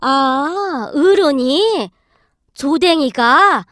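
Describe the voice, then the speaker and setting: A woman's voice: high-pitched, lively intonation, drawn-out words, a bit bright, no room sound, clean studio sound, heavily acted. A woman voicing a meek middle-aged mother-in-law, eager and trying hard to sound tough.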